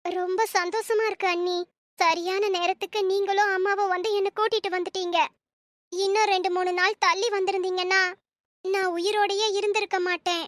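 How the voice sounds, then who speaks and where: A woman's voice: very high voice, little pitch movement, fairly quick, a bit bright, no echo, clean studio sound. A woman voicing a fragile despairing young wife. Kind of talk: cartoon story voice acting.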